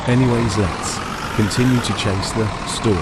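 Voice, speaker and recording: A man's voice: on the low side, normal speed. A man giving casual commentary as he plays a storm-chasing game. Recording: loud engine and vehicle noise.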